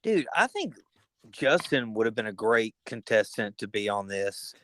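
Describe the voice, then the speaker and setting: A man's voice: fairly low pitch, big pitch swings, moderate pace, fairly bright tone, no room sound. A man co-hosting a podcast in casual, joking chat and laughing often. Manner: jokey, laughs often, teasing. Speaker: podcast co-host.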